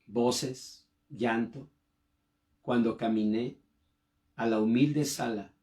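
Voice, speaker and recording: A man preaching a sermon, telling a personal story with emotion and sudden rises in pitch and volume. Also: mellow. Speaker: pastor.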